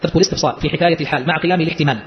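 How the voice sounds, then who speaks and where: Explaining a text on legal theory, this Islamic jurisprudence teacher talks very quickly and peppers his listeners with short rhetorical questions. His pitch is high, and the recording comes across slightly muffled.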